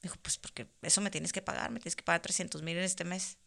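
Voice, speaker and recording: A woman in casual conversation, telling a long personal story in an animated way, laughing now and then. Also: on the low side, fast, creaky. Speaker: guest.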